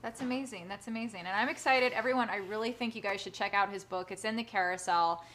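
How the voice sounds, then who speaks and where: A woman hosting a live social-media conversation, talking fast and in a bubbly way. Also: mid-range voice, a bit bright. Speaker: host.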